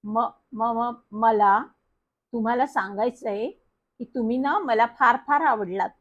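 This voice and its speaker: A woman's voice: fairly high pitch, measured pace, a bit bright. A woman voicing a kindly middle-aged male author who stammers on the first syllable of his words, in a slightly dull recording. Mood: soft, tender.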